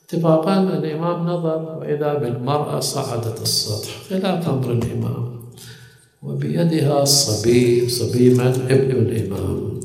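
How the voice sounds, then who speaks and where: A man's voice: mid-range voice, normal speed, creaky, a little mellow. A man preaching a sermon, telling stories, asking rhetorical questions and at times slipping into a chant. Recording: echoey hall with long reverb.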